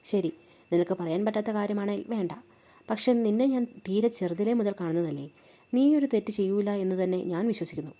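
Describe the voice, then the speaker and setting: A woman's voice: medium pitch, a little fast, close to an everyday voice. Woman voicing a kindly village auntie. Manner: gentle, advising. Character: kindly middle-aged village woman, sympathetic.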